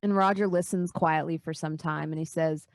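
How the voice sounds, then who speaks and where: A woman's voice: sits low, fairly even intonation, normal speed, no echo, studio quality. A woman narrating an improvised tabletop fantasy game as game master.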